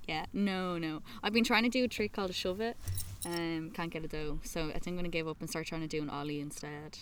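A woman in relaxed banter, laughing often while chatting outdoors. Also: fairly low pitch, quick pace, a little hiss or hum. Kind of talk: casual chat. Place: outdoors, walking.

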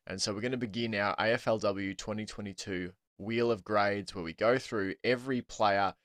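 A man's voice: lowish voice, fairly even intonation, normal speed, fairly bright tone, dry recording. Chatty Australian man hosting a footy podcast. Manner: chatty, laughs often, many ums. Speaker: podcast host. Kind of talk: casual sports podcast chat.

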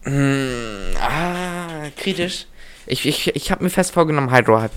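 A man's voice: on the high side, expressive, measured pace, fairly bright tone, a little hiss or hum. A young man co-hosting a podcast in casual, slangy chat sprinkled with English interjections. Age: young adult. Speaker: podcast co-host.

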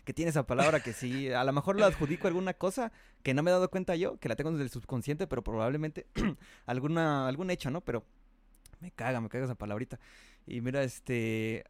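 A man's voice: mid-range voice, lively intonation, brisk, no room sound. A man with a Mexico City accent chatting casually as a content creator, slangy and emphatic. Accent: Mexico City Spanish. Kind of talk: casual chat.

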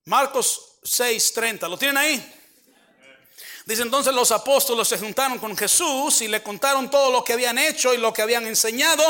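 High, bright-voiced preaching man. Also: moderate pace. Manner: reads scripture aloud with joking asides, switching between Spanish and English; quizzes the congregation with call-and-response questions. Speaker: pastor. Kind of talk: bilingual sermon. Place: church sanctuary.

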